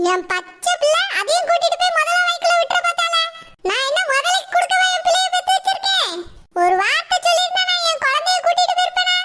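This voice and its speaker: A woman with a southern Tamil Nadu dialect voicing a fierce, protective village mother in a cartoon, high and shrill. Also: background noise. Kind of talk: cartoon voice acting.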